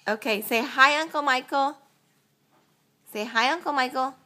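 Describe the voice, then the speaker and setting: A woman's voice: sits high, normal speed, sharp tone. A woman at home in a casual video, coaxing a toddler to repeat words, patiently repeating prompts and laughing often. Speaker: parent coaching a toddler.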